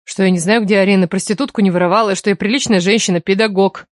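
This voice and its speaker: A woman's voice: mid-range voice, brisk, darkish tone, dry recording, studio quality, close to an everyday voice. A woman narrator voicing a flustered, respectable woman teacher who protests indignantly.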